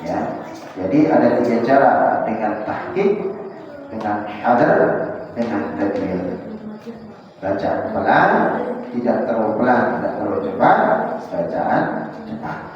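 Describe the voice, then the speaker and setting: A man teaches the rules of Quran recitation, speaking slowly and breaking into drawn-out chanted Arabic verses to show the right reading. He stops now and then on fillers while he searches for a word. The sound is distant and dull, caught from across a prayer room full of long, ringing echo. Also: fairly low pitch, expressive, slight background noise. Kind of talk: tajwid lesson to a congregation. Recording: distant, dull and echoey in a hall.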